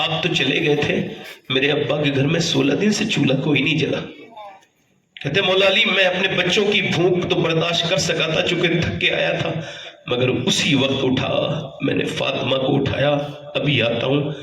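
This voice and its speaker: A man preaching a sermon as a story, fervent and rising to shouts at the high points. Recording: echoey, voice heard from afar.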